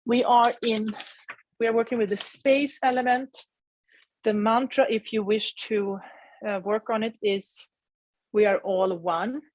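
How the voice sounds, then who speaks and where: A woman teaching yoga and meditation, guiding listeners in a calm, soothing, unhurried way with pauses. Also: a little high, dry recording, rough recording. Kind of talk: guided relaxation meditation. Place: indoor room in an old house, dry close sound.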